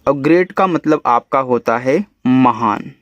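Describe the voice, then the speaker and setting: Slow-spelling Hindi-accented male teacher, dry sound. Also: medium pitch, dry recording, muffled recording. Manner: spells words letter by letter slowly, then explains. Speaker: English teacher. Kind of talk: spelling and reading lesson.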